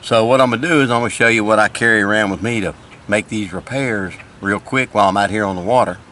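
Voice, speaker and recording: A man's voice: on the low side, fast talker, sharp tone, slight background noise. An older retired man, chatting casually in a folksy, plain-spoken way as he fishes and demonstrates things outdoors by a lake. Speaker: fishing vlogger.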